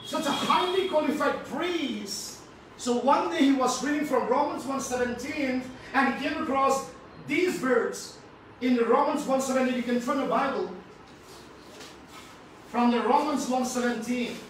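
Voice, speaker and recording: A man with an Indian English accent delivers a sermon in a high, emphatic voice, repeating phrases and prompting the congregation to respond. He sounds distant from the mic, and heavy echo fills the large hall. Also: a little slow. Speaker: preacher. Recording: very echoey hall, from far off, faint noise.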